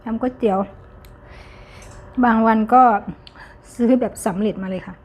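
A woman from Thailand, a mother chatting at home in a casual vlog, gently teasing her child with chatty asides to the camera. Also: on the high side, measured pace. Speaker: vlogger and mother. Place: home kitchen.

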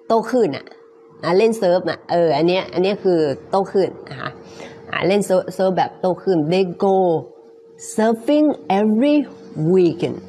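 A woman teaching English pronunciation, repeating phrases word by word and then explaining them quickly, with frequent polite particles. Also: medium pitch, a little mellow, a little hiss or hum. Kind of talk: live-streamed pronunciation lesson.

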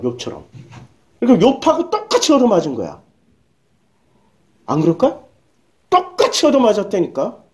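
Blunt woman preacher, animated and mellow. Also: medium pitch. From South Korea. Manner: blunt, emphatic preaching with rhetorical questions and coarse slang. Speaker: pastor. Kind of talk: sermon.

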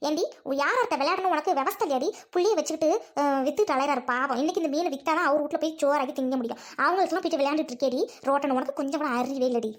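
A woman's voice: high voice, very fast, few pauses, lightly acted. A woman doing a stern scolding older woman. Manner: scolding, firm.

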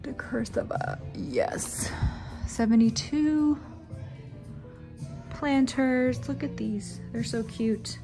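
Gushing with enthusiasm, a plant vlogger in her thirties narrates a casual walk through an indoor plant shop. She speaks slowly with long pauses in a fairly high voice, and background music runs under her words.

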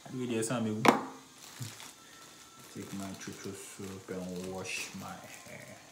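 A man's voice: deep voice, steady tone, slow, creaky, over loud music, poor audio. A young man from Ghana with a Ghanaian accent, vlogging casually and thinking aloud while he shops. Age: young adult. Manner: chatty, thinking aloud, frequent laughs. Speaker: student vlogger. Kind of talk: casual vlog narration. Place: grocery store and bus stop. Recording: loud background noise.

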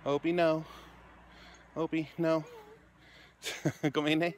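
A man in his forties, out of breath and chatty, vlogging on a phone held at arm's length while walking a dark street at night. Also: fairly high pitch, flat delivery, slow pace. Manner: tired, winded, chatty. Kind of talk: casual walking vlog. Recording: noisy outdoor phone recording.

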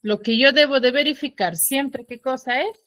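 Brief: schoolteacher on a video call, bright raised voice, dry close sound, keeps quizzing. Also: female voice, high voice, moderate pace, dry recording. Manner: drills students with repeated questions. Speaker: teacher. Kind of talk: online class teaching.

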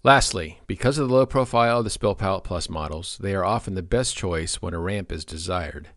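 Deep-voiced man, dry product trainer. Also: a little fast. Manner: dry, deadpan humor. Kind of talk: scripted product training presentation.

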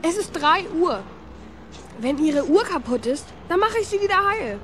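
A man's voice: very high voice, big pitch swings, moderate pace, bright, forceful tone, a little hiss or hum, exaggerated voice. An actor playing a cheeky, curious boy who talks back, in an old radio play. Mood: grumbling, cheeky. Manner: sulky, back-talking. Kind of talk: 1970s radio play acting.

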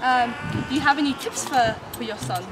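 A woman's voice: high-pitched, brisk. A young woman presenting a student TV show, interviewing people outdoors on campus in a bubbly, giggly, sing-song way. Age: young adult. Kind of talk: upbeat vox-pop interviewing. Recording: loud music and crowd noise over the voice. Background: music and crowd chatter.

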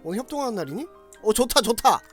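A man doing loud, excitable gameplay commentary, exclaiming and talking straight to his viewers. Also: high-pitched, quick pace, breathy edge, faint music behind. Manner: loud, excitable, shouting and laughing often; talks to viewers directly. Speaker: game streamer.

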